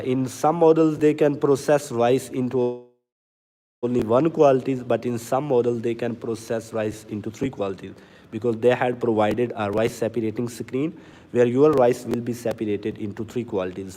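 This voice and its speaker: A man talks slowly and earnestly on a livestream, answering viewers one by one. His voice sits mid-range with a dark, mellow tone, and a long reverb trails behind him. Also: mid-range voice, steady tone, a little hiss or hum. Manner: deliberately slow, earnest, reads out comments. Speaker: livestream sales host for farm machinery. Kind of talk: casual livestream talk to viewers. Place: inside a factory or showroom.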